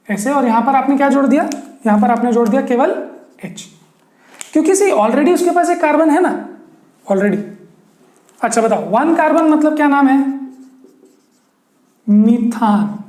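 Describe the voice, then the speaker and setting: A man's voice: very high-pitched, darkish tone, reverberant. A male teacher giving a lesson, who keeps asking his students questions and repeats key words as he explains step by step. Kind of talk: online classroom lesson.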